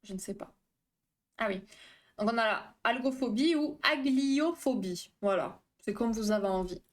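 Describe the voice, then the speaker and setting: This woman, a therapist, runs a live stream where she chats informally and reads viewer messages aloud. She speaks fast, tripping over words, in a voice that is a little high.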